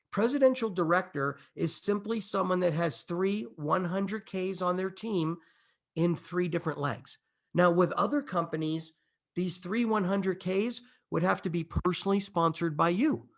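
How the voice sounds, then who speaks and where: A man pitching a business opportunity, his voice sitting high for a man with a gravelly, creaky edge. He talks in an emphatic, excitable way, building hype and checking in with his listeners again and again. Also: moderate pace. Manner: repeats "okay?" and "imagine this" to the audience. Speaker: company presenter.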